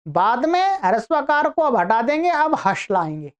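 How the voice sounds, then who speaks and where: A woman teaching Sanskrit grammar online, explaining patiently step by step and drawing out example words slowly. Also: fairly high pitch, sing-song, clear, resonant tone. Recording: dull lo-fi recording.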